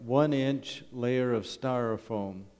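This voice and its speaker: Slow, smooth and a little mellow, the mid-range voice belongs to a middle-aged or older man from Canada who runs a wilderness school. He presents slides at church in a conversational, joking style, posing rhetorical questions, while the hall's long reverb echoes through.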